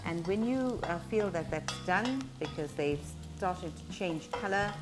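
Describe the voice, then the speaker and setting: Low-voiced woman demonstrating cooking. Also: animated, a little slow, over music. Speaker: cooking show presenter. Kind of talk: cooking demonstration, explaining steps.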